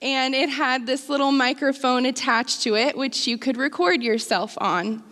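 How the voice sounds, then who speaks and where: A young woman preaching a sermon in church, earnest and warm, with touches of light humor. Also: sits high, normal speed. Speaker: interim women's ministries director, preacher. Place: church sanctuary. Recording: long hall reverb.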